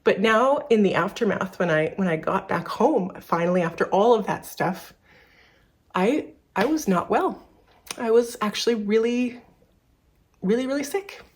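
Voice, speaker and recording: A woman's voice: medium pitch, animated, moderate pace. Woman, 30s, from Canada; shop owner in a candid vlog, slightly breathless, rambling delivery. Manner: candid, rambling, many restarts and fillers. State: a little out of breath. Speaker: furniture repair business owner. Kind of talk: personal vlog talking to camera.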